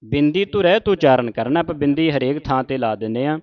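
A man giving a religious lesson on correct pronunciation, reciting each verse slowly and deliberately before explaining it. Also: fairly high pitch, animated, no room sound, highs cut off. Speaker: Gurbani teacher.

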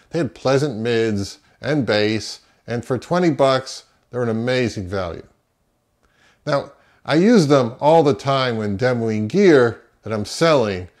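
The host of an audio gear channel, a man in his fifties to early sixties, reviews a product conversationally to camera in a mid-range voice with a darkish tone.

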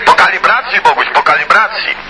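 Over a noisy two-way CB radio link, a hobbyist with a high, animated voice talks briskly and casually. He rambles in colloquial speech, dropping in filler phrases and some mild swearing, with the sound carrying a CB transmission effect.

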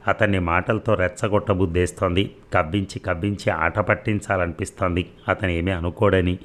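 Deep-voiced man narrating a novel. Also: fairly bright tone. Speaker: audiobook narrator. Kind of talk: reading a novel aloud.

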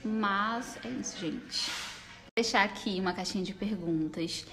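A woman's voice: medium pitch, measured pace, fairly bright tone. A young woman youtuber talking to her followers in a bubbly manner, laughing easily. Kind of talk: casual phone stories.

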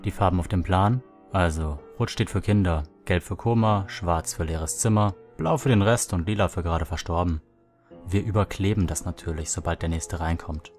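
A man playing a brisk, matter-of-fact hospital colleague who explains things in an acted audio horror story. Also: low-pitched, a little mellow. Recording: music behind the voice.

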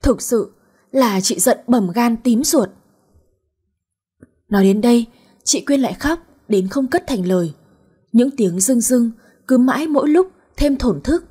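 A woman narrating a radio story in a gentle, even tone, reading every character's lines herself. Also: fairly high pitch, husky.

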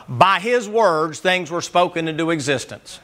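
A man's voice: on the high side, animated, unhurried, a bit bright. A man preaching a Sunday school sermon in a folksy, joking and emphatic way.

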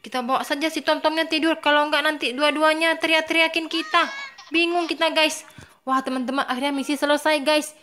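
A woman's voice: sits high, steady tone, fairly quick, pushed and bright, faint music behind. A woman hosting a kids' game channel, chatting to viewers as she plays and addressing them often. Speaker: gaming channel host. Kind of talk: kids game commentary.

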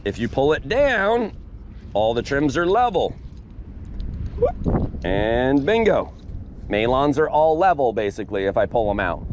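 Through a head-mounted camera mic on a sandy beach, a paramotor instructor lays out the equipment for his outdoor class, emphatic and punctuated by punchy asides. He's very animated in a mid-range voice, a little slow with long pauses, over slight background noise.

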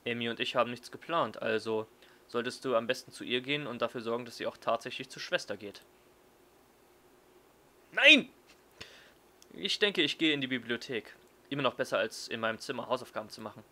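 A man reading a visual novel aloud as a let's player, in an expressive storytelling style. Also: medium pitch, fast talker.

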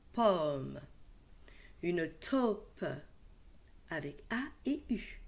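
A woman teacher with a French accent leading a reading lesson for young children, sounding out words and syllables slowly and clearly. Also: medium pitch. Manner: slow, clear syllable-by-syllable modeling. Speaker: primary school teacher.

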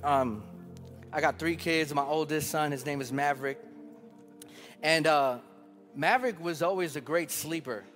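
A man's voice: fairly high pitch, unhurried, long pauses, a bit bright, in a large hall, faint music behind. A man in his thirties preaching a sermon, emphatic and building with repeated phrases, telling a story from his own family life. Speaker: pastor. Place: church sanctuary.

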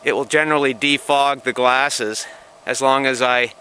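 A man's voice: mid-range voice, steady tone, moderate pace, bright, forceful tone. A man talking through a face mask outdoors on a windy frozen lake, narrating casually into a handheld camera, rambling and restarting as he explains. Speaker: outdoors vlogger. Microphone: handheld camera mic.

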